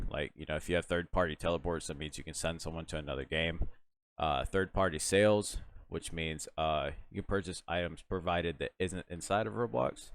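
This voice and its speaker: Very deep-voiced man rambling through a tutorial. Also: smooth. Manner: rambling, lots of fillers and restarts, yawning. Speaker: tutorial host. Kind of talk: casual screen-recorded software tutorial.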